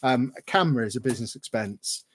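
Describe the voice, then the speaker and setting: A chatty YouTuber hosts a livestream Q&A, talking fast and expressively in a mid-range male voice. He rambles casually and reads viewer questions aloud, with a little hiss or hum on the audio.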